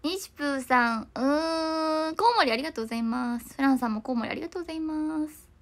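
A young woman chats quickly and casually on a livestream, reading out viewer comments and apologizing often. Her voice is high.

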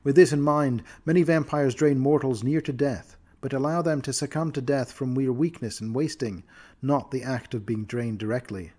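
A man reads scripted lore in a measured, formal and solemn nature documentary manner. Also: medium pitch, a little mellow. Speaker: narrator.

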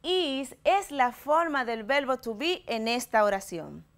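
A Dominican woman in her thirties, an English teacher, giving a televised lesson to schoolchildren and slowly modelling sentences in both languages with a Dominican Spanish accent. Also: sits high, expressive. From Dominican Republic. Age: 30s. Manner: slow, clear bilingual explaining, modelling words for repetition.

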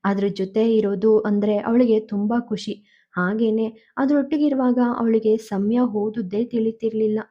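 A woman narrating an emotional story in a measured, even reading style. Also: medium pitch, lo-fi sound.

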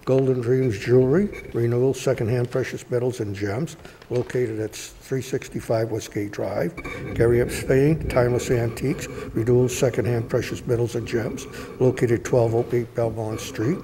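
Seated at a desk microphone in a wood-paneled council chamber, a man recites city council agenda items at a steady, measured pace. His voice is mid-range, and faint hiss accompanies the chamber's reverb.

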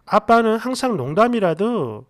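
A man narrating a first-person story in a dramatic, expressive way. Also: sits high, normal speed.

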